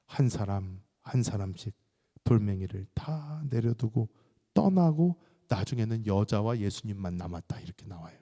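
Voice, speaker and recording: A man's voice: on the low side, moderate pace. A male pastor preaching in a church sanctuary, his voice leaping up and down as he tells stories and acts out the people in them. The sound carries a long, ringing reverb from the large room. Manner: animated storytelling with acted-out voices. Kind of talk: sermon.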